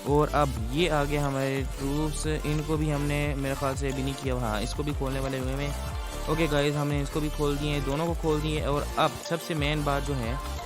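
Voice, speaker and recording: A man's voice: a little high, level tone, moderate pace, music in the background. A man giving chatty, casual gameplay commentary to his viewers. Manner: chatty, addresses viewers as guys. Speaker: gaming YouTuber.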